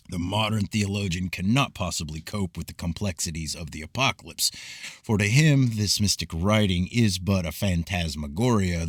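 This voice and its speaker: A man reading an old esoteric book aloud in a measured, formal way, with occasional stumbles. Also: sits low, no room sound, studio quality. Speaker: reader of esoteric texts. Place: cold room.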